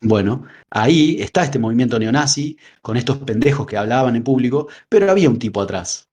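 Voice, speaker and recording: A man's voice: mid-range voice, lively intonation, fairly quick, a little mellow. A man with a Rioplatense Spanish accent, co-hosting a casual film discussion podcast, rambling with frequent filler words. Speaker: podcast co-host.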